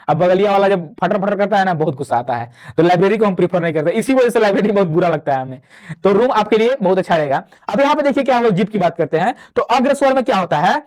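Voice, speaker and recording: A man with a high, darkish voice teaches Hindi grammar in an online exam-prep lecture. He explains step by step, poses questions to the class and answers them himself, drawing out vowel sounds as demonstrations and dropping in chatty asides to students.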